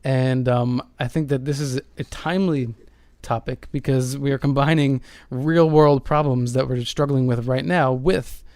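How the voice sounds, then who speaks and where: A man's voice: medium pitch, steady tone, unhurried, a little mellow, no echo, studio quality. A man hosting a paranormal radio show in a conversational, somewhat hesitant way.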